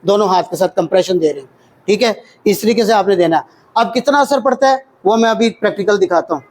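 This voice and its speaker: A man's voice: high-pitched, fast talker, darkish tone, poor audio. A man with a Pakistani Urdu accent teaching a hands-on CPR workshop, drilling counts aloud and quizzing his class. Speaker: CPR trainer. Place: training workshop room with children.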